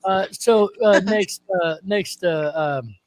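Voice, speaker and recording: High-voiced man chatting with viewers. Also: takes it slowly, crowd noise. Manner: chatty, addresses the chat directly. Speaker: co-host. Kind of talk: casual live-stream talk.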